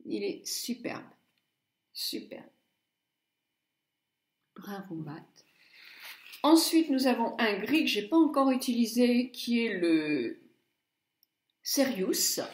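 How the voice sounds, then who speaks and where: A middle-aged woman reviews eyeshadows in a slow, chatty way, murmuring asides to herself. Her voice sits a little high, and the room around her echoes noticeably. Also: expressive, slight background noise. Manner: chatty, muttering asides, stumbles over English names. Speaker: beauty blogger. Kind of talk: casual makeup palette review.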